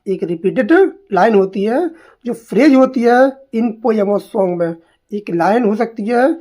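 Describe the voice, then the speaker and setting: In a warm, medium-pitched voice, a woman coaches students on literary terms for their exam, switching between Hindi and English. She repeats every term and answers her own questions.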